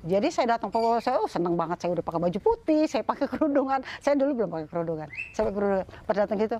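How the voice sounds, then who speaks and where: Very fast and chatty, this middle-aged woman recounts her own story in a casual interview, with many fillers and restarts and mimicry of the people she quotes. Her voice is mid-range, and faint noise and birdsong sit in the background.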